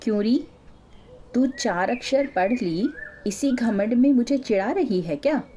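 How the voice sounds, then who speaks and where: A woman voicing a harsh, quarrelsome widowed neighbor who scolds and taunts in a raised, shrill voice. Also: lively intonation, measured pace, dark tone, slight background noise. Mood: taunting.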